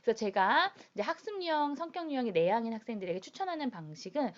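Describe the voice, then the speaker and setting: A woman's voice: fairly high pitch, very animated, quick pace. A woman lecturer explaining personality types to students, speaking directly to her audience in an explanatory way. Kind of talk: classroom lecture. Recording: dull lo-fi recording.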